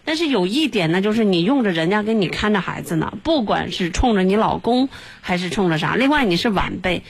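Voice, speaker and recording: A woman's voice: medium pitch, lively intonation, fairly quick, creaky, slightly rough. Blunt scolding woman radio host. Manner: blunt and scolding, with rhetorical questions. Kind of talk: blunt call-in advice.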